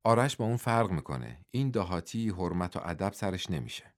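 Indignant middle-aged mother, sharp-tongued and scornful, read by a man. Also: low voice, animated.

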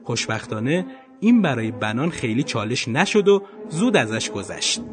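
A man narrating a documentary podcast episode in an expressive storytelling manner. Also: medium pitch, music in the background.

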